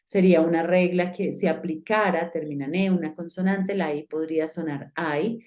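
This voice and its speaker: A woman's voice: lowish voice, steady tone, moderate pace, a little mellow. A woman teaching an online English class, explaining step by step and putting direct questions to the student. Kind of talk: online lesson.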